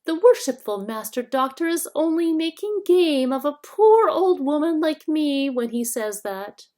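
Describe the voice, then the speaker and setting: A woman voicing a fawning, falsely sweet old hag in a shrill, whining storybook voice. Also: sing-song, warm tone. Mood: wheedling. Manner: fawning, drawn-out coaxing.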